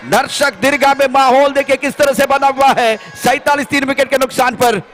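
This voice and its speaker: A man with an Indian accent giving excited, exclamatory live cricket commentary as the match unfolds. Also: very high-pitched, brisk.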